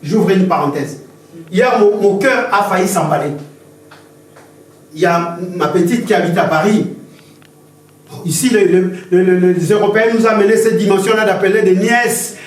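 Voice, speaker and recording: In a very echoey church hall, a pastor with a high-pitched voice preaches a sermon, picked up by a distant mic. He speaks at a moderate pace with long pauses, impassioned and repetitive as he tells stories to the congregation.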